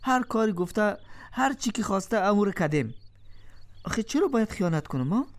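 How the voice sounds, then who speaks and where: A woman's voice: mid-range voice, lively intonation, natural voice. A woman voicing a husband accused of cheating, exasperated and pleading.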